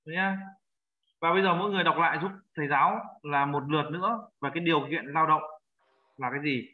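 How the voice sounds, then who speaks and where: A man leads a language lesson, patient and repetitive as he drills vocabulary. His voice sits a little high. The audio is dull and lo-fi, like an online class call. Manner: patient, repeats words slowly for learners. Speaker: teacher.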